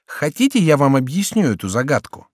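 A man's voice: a little high, very animated, fairly quick, darkish tone, no echo, clean studio sound, voice pushed up. A man voicing a sly, teasing young male page who talks in a knowing way in an audiobook.

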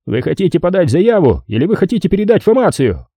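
A man's voice: sits high, sing-song, fast, warm tone, no echo, voice pushed up, full character voice. A man putting on a brusque Brooklyn police sergeant. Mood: impatient. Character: gruff Brooklyn police desk sergeant, impatient, mangling words.

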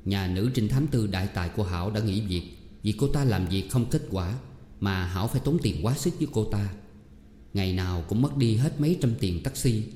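A man reading a novel aloud as a steady narrator. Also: lowish voice, fairly quick. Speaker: audiobook narrator. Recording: roomy hall echo, faint music.

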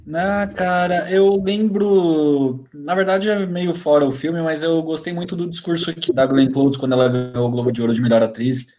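A man's voice: fairly high pitch, steady tone, normal speed, few pauses, darkish tone. A Brazilian man speaking in an easygoing way as a panelist in a casual roundtable chat. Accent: Brazilian Portuguese.

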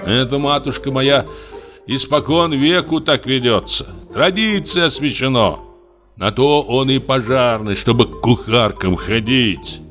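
A man lightly acts the part of a sleepy, grumbling middle-aged assistant prosecutor who brushes off his wife's fears in a drowsy, grumpy, dismissive way. His voice is medium-pitched, a bit bright and a little slow, with soft music in the background.

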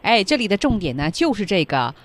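A woman's voice: mid-range voice, very animated, fairly quick, no room sound. A woman co-hosting a radio English lesson, chatting and prompting the teacher with questions for listeners. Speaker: radio co-host.

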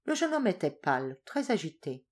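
A woman reading a novel aloud as an audiobook, with a steady, clear storytelling delivery. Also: on the low side, moderate pace. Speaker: audiobook reader.

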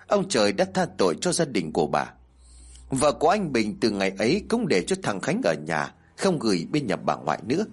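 A man reading a horror story aloud in a measured, dramatic manner. His voice is husky, and his pitch moves widely as he tells it. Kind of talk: scripted horror story narration.

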